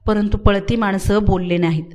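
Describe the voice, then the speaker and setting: A woman's voice: medium pitch, moderate pace. Woman reading a novel aloud dramatically. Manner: steady expressive storytelling. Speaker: audiobook narrator.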